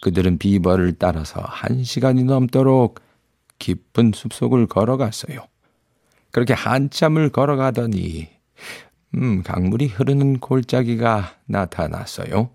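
A man's voice: mid-range voice, expressive, unhurried, gravelly, a little mellow. A man narrating a storybook as the storyteller, in scripted narration.

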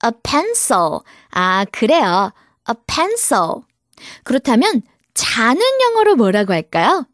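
Animated woman teaching kids English. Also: a little high, no room sound, clean studio sound. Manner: animated, coaxing, drills words slowly for repetition. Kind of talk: kids' English lesson.

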